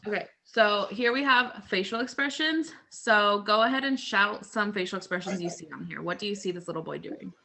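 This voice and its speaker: A woman's voice: mid-range voice, brisk, gravelly, few pauses, bright, forceful tone, slight background noise. A woman casually leading a group lesson over a video call, explaining with everyday examples and lots of "so" and "like". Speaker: group leader presenting a lesson. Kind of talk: casual teaching talk to a group.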